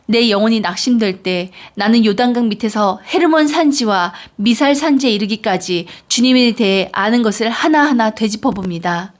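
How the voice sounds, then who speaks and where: Woman, scripture reading, slightly high voice, slow and earnest. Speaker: Bible reader.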